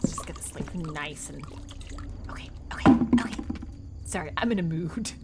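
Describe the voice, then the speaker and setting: A woman's voice: low voice, normal speed, very noisy. A woman streamer commenting on a horror game, sarcastic and exasperated. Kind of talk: gameplay commentary.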